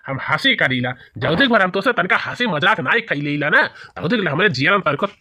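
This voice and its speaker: A man's voice: high-pitched, lively intonation, a little fast, bright, forceful tone, no room sound, heavily acted. A man voicing a thin, complaining old village husband in a cartoon, with a whiny, grumbling manner. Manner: whiny and grumbling, with rustic dialect. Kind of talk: cartoon voice acting.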